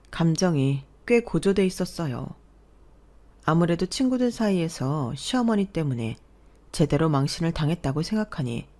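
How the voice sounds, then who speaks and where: A woman's voice: sits low, darkish tone. Woman telling a radio story in first person, confiding, voice moves up and down a lot. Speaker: narrator.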